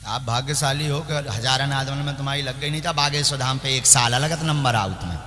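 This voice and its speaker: A man's voice: medium pitch, fairly quick, pushed and bright, big-room sound, slight background noise. A man leading a religious court session, bluntly directing the devotees before him. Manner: commanding, directs the crowd bluntly. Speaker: spiritual leader addressing devotees.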